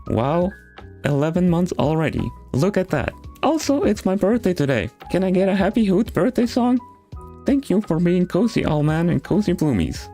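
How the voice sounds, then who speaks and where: A stiff robot text-to-speech voice, pitched well above a man's usual speech, as a male streamer puts it on. It reads chat messages in a flat, mechanical way, and its tone sounds hollow and artificial. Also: moderate pace, faint music behind. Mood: robotic. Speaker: art streamer host.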